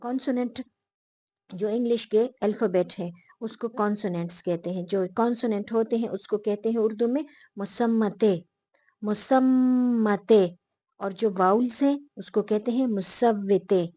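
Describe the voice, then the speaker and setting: A woman teacher explaining a lesson to her viewers, repeating the key terms slowly and pausing often with fillers. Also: on the high side, warm tone, dry recording. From Pakistan.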